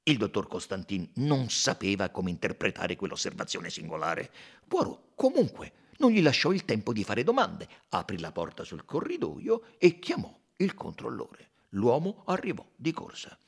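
A man reading an audiobook aloud with expressive, dramatic narration. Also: lowish voice, moderate pace, slightly rough. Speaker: audiobook reader.

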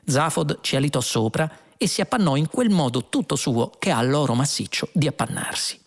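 A man reads a novel aloud in a measured, expressive way. His voice sits a little high and has a gravelly edge. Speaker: audiobook narrator. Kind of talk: scripted narration.

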